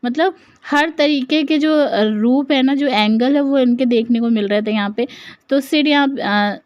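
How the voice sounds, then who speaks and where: A woman's voice: high voice, a little slow, darkish tone, no room sound. Woman chatting thru a recap, slightly muffled dry mic. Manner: retells scenes with quoted lines, frequent fillers. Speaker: entertainment recap narrator. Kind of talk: casual recap narration.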